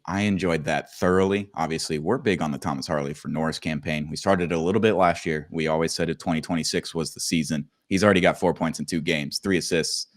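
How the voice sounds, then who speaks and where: A very low-pitched man hosts a casual sports podcast, his voice rough and hungover from the night before. He talks in a chatty, colloquial way, and the sound is close and dry. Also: no room sound. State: rough, hungover morning-after voice. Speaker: podcast host.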